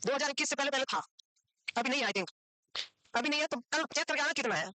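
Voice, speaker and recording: A woman's voice: high voice, animated, quick pace, sharp tone, dry recording. A woman teaching a nursing exam class in a classroom, quizzing her students and scolding them for not knowing the answers. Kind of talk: classroom lecture.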